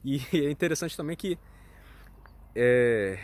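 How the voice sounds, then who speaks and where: A man's voice: mid-range voice, expressive, normal speed, no room sound. Hesitant Brazilian man chatting casually. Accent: Brazilian Portuguese. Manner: hesitant, many fillers and hedges. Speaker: channel host. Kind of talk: casual chat.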